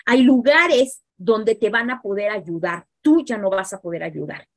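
A woman's voice: medium pitch, a little slow, no echo. A middle-aged woman with a Mexican accent, speaking as a psychologist guest in an interview, animatedly explaining to parents. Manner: animated, acts out parents and teens in quoted asides.

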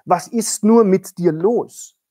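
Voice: mid-range voice, slow, mellow, no echo, clean studio sound. A preacher reading a bewildered old mother-in-law. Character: harsh older mother-in-law, softening.

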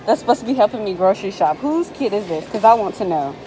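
A woman's voice: medium pitch, expressive, fast, mellow, soft background music, some chatter behind, rough recording. A woman hosting a casual shopping vlog, chatting and teasing while talking straight to her viewers. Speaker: vlog host, mother.

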